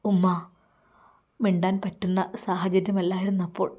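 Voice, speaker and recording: Brief: woman doing a bedridden young man, quiet and evasive. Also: on the low side, little pitch movement, moderate pace, natural voice. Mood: subdued.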